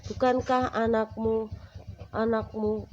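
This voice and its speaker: A woman's voice: on the high side, little pitch movement, takes it slowly, a little mellow, soft background music. A woman voicing an arrogant, wealthy young man who scornfully rejects his mother. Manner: haughty and dismissive. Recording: dull recording with faint noise.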